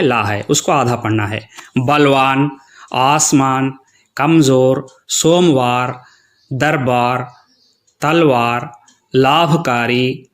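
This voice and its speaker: A man's voice: on the high side, a bit bright. A man teaching children Hindi pronunciation, patiently reading out word lists one by one.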